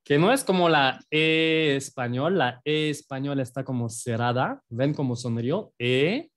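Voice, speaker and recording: A man's voice: mid-range voice, measured pace. A French man with a French accent teaching a language lesson in a playful, self-deprecating way, explaining with examples.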